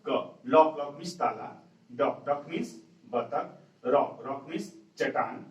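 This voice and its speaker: A man's voice: medium pitch, unhurried, highs cut off. A man teaching English pronunciation to students, drilling each rule by asking questions and answering them himself. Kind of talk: classroom lesson, explaining rules to students. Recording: echoey room, voice from a distance.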